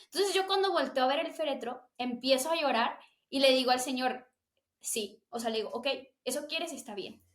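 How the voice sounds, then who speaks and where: A young woman tells her personal story of faith with fervent, emotional earnestness. Her voice sits high. The room around her is echoey. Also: brisk. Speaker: guest sharing testimony.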